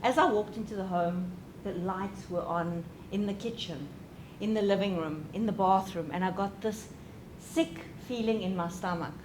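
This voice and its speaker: A young adult woman giving a talk on parenting. She speaks in a lively, conversational way and often checks in with the audience. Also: medium pitch, moderate pace, background noise. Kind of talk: lecture.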